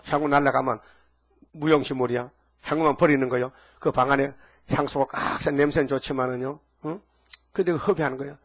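A man's voice: on the high side, a bit bright. A male pastor preaching a sermon in a folksy way, often asking the congregation short rhetorical questions.

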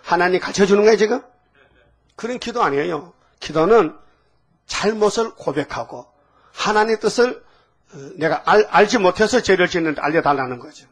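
An older man, pastoring his congregation, preaches expressively at a moderate pace in a voice that sits high. He teases in a folksy way and often throws questions back at the listeners, asking "응?" in call-and-response fashion.

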